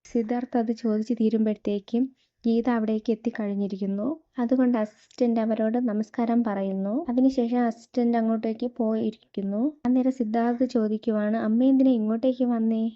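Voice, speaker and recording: Woman narrator, serial recap; monotone delivery, lo-fi sound. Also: a little high, fairly quick. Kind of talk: scripted story retelling.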